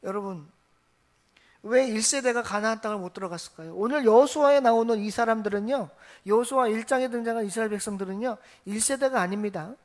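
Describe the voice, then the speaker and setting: A pastor delivers a Sunday morning sermon from the pulpit of a church sanctuary. The preaching leans on steady repetition, restating each point in near-identical phrasing. Rhetorical questions are thrown to the congregation and then answered in the same breath, at a middling pitch. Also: fast talker.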